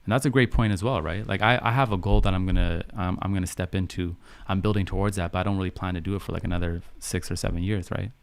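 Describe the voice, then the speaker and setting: Raised in Vancouver, Canada, this man hosts a casual live stream chat as a podcaster, affirming listeners, repeating phrases and making sure they understand. He talks fast with hardly any pauses in a low, gravelly voice with a steady tone. The recording is dry.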